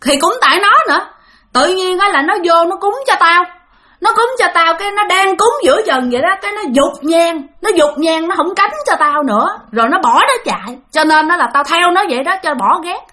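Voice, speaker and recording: A woman voicing a vengeful male ghost over a hundred years old who scolds in rough, aggrieved talk. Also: very high voice, lively intonation, fairly quick, pushed and bright, voice pushed up, full character voice. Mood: aggrieved, angry.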